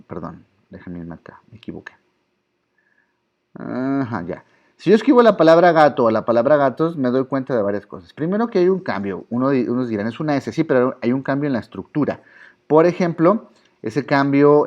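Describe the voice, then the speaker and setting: A man's voice: medium pitch, darkish tone. Male teacher, explains patiently with lots of "este" fillers, slightly muffled lo-fi audio. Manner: explanatory, with frequent "este" fillers and self-corrections. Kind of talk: recorded online lesson.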